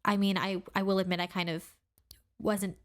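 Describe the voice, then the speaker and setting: With a medium pitch, level tone and moderate pace, a woman chats casually while co-hosting a podcast. Her talk is eager and full of filler, with "like" and "really cool" coming up again and again.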